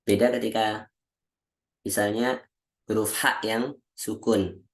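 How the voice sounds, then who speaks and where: Over a video call, a male Quran recitation teacher slowly and patiently teaches how Arabic letters are pronounced, repeating each syllable aloud one at a time as a drill. He often clears his throat. His voice is lowish and his tone stays steady.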